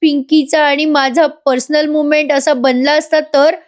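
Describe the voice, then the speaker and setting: A drunk, self-pitying young man rambles slowly in a high voice, dropping in Hindi words, as a woman puts him on. He sounds loose and sorry for himself throughout. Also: flat delivery, close to an everyday voice. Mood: tipsy rambling. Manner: slow, slurred, mixing in Hindi words.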